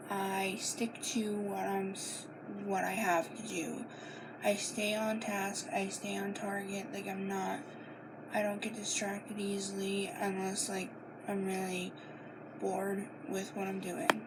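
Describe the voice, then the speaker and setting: A young woman from Maine talks slowly through a personal question list, hesitating and restarting as she goes. Her voice sits at an ordinary middle pitch. A clear hiss of background noise runs under the home recording. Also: monotone. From Maine, United States. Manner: halting, many fillers and restarts, reading questions aloud. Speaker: vlogger answering questions. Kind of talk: casual Q and A monologue.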